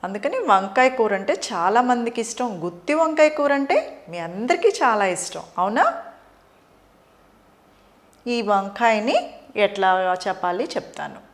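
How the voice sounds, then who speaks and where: A woman's voice: a little high, very animated. A middle-aged woman teaching preschoolers the alphabet, sounding out words syllable by syllable and asking the children questions. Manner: slow, drawn-out syllable-by-syllable teaching; asks the children questions and answers them.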